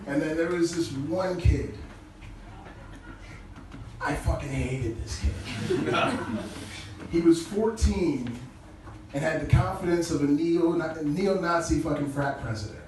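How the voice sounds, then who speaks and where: Male stand-up comic, crude and loose, laughs at his own bits. Low-quality stream audio, distant and noisy. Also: animated, takes it slowly, pauses often. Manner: casual, crude, chuckles at his own jokes. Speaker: stand-up comedian. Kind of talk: stand-up comedy set. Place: small comedy club stage. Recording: echoey low-quality stream from far off with noise.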